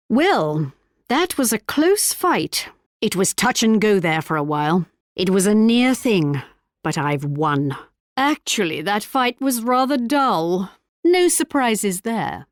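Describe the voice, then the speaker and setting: A woman's voice: medium pitch, no echo, studio quality. A woman playing a haughty, sly English queen in a video game, with a regal, arch and mock-polite manner. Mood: smug. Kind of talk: video game character voice lines.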